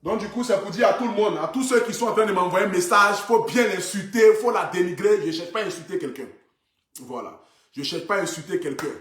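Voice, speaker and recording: Male influencer, casual phone livestream, earnest, filler-heavy, slightly high voice, roomy echo. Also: expressive, fast, fairly bright tone, a little hiss or hum. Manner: earnest, repetitive, many fillers like "voilà" and "donc du coup". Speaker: social media influencer. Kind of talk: casual livestream talk to viewers. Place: indoors, seated.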